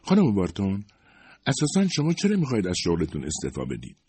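A man's voice: sits low, wildly swooping pitch, mellow, breathy edge, dry recording, voice pushed up, heavily acted. A man voicing a curious, earnest young woman who asks polite, probing questions.

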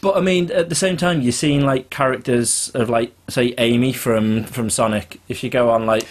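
A young man co-hosting a casual podcast, animated and quick to laugh, acting out his own reactions as he tells stories. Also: medium pitch. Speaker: podcast co-host. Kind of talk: casual chat.

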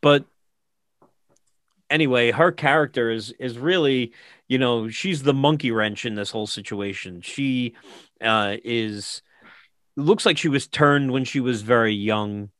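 A man casually retelling a film plot with lots of fillers and animated asides. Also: medium pitch, unhurried, dry recording, studio quality.

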